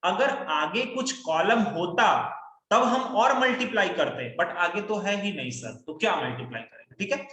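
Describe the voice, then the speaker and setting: High-voiced man teaching maths in an echoey room. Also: expressive, moderate pace, bright, forceful tone. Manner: coaxing students to answer aloud. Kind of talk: online class lecture.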